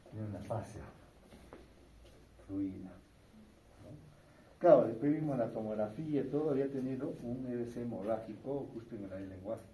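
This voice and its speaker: A man's voice: mid-range voice, warm tone, recorded from a distance, slight background noise. A man giving a conversational medical lecture on neurology, often checking in with tag questions. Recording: echoey room, speaker away from mic, faint ambience.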